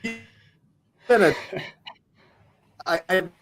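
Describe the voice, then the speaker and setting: A man with a slightly raised pitch argues insistently on a podcast, speaking through a video call. His connection buffers and stutters, so the words break up and drop out. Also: takes it slowly, a little hiss or hum. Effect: choppy, buffering connection that breaks up. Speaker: podcast co-host. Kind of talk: casual sports chat over a video call.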